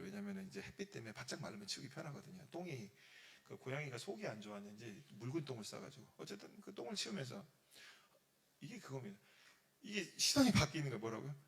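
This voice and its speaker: A man, a pastor, giving a sermon to a youth group, acting out prayers and God's words in sudden loud bursts. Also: mid-range voice, creaky.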